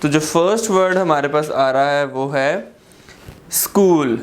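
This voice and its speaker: A man with a Pakistani accent teaching a grammar lesson, explaining slowly, repeating words and asking rhetorical questions. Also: a little high.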